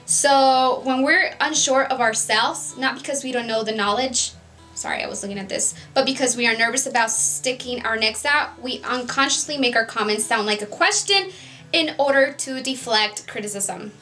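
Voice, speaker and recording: A young woman in her twenties talks to her viewers in a bright, slightly high voice, chatty and earnest, sprinkling in fillers as she goes. Soft music plays faintly underneath. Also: normal speed. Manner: chatty, earnest, many fillers like "like" and "you know". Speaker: beauty vlogger. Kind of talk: casual vlog chat. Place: home, Southern California.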